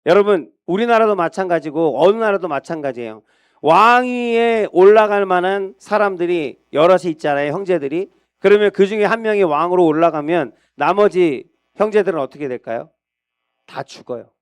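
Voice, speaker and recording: A man's voice: sits high, normal speed, clear, resonant tone, no room sound. A male pastor preaching a sermon, retelling a scripture story in a conversational storytelling manner.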